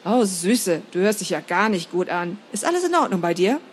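A woman's voice: mid-range voice, big pitch swings, moderate pace, slight background noise, natural voice. A woman voicing a chatty, caring male friend who calls her sweetheart. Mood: concerned.

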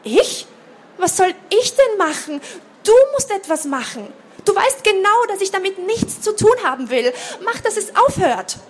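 A woman's voice: very high-pitched, normal speed, pitched above the performer's own voice. A woman reading a panicked teenage girl. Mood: pleading. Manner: agitated, pleading. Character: teenage girl, panicked, grumpy, suddenly bearded. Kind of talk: reading aloud.

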